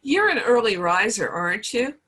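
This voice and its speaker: A friendly woman hosting a casual interview, chatting easily and nudging her guest along with questions. Her voice sounds a little worn, as if she is losing it. She speaks at an ordinary pitch. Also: very animated, moderate pace, sharp tone, slightly rough. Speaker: host.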